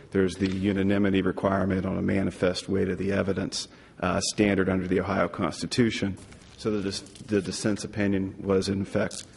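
Deep, gravelly male lawyer arguing. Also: a little mellow, a little hiss or hum. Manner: formal but halting. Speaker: appellate lawyer. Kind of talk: oral argument in court. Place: large courtroom. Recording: reverberant courtroom.

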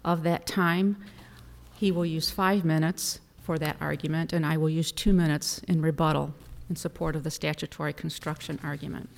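A woman attorney delivering a formal oral argument to a court in a deliberate, emphatic manner. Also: low voice, fairly even intonation, vocal fry. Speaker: appellate attorney. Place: large courtroom. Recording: reverberant hall.

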